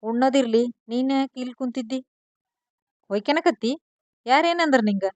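A woman voicing a gruff but worried young village husband with a North Karnataka accent, talking bluntly in rustic questions. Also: high voice, moderate pace, darkish tone, no echo, pitched above the performer's own voice, close to an everyday voice. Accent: North Karnataka Kannada.

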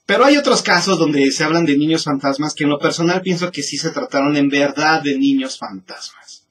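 A Mexican man hosting a show, telling legends in a musing, halting way with frequent restarts. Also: fairly high pitch, a bit bright, slight background noise. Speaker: host. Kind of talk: storytelling commentary.

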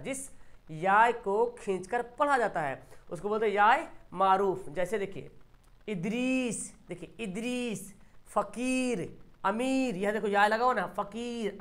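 A teacher giving an exam-prep grammar lesson, who keeps asking short quiz questions, answers them, and stretches out example words slowly. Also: mid-range voice, a bit bright.

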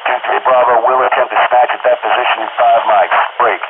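Soldier on a tinny helmet radio. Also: male voice, medium pitch, little pitch movement, fairly quick. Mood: clipped. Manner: terse, procedural, businesslike. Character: male soldier calling orders over radio. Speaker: military radio operator. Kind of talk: clipped military radio procedure. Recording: tinny radio line with loud static.

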